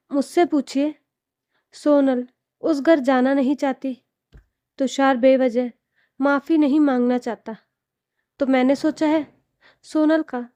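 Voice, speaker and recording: A firm, wise middle-aged mother, read aloud by a woman. She speaks calmly and sternly in a high, unhurried voice with a dark, mellow tone and a dry sound. This is a storybook reading. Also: no echo. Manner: calm, then stern.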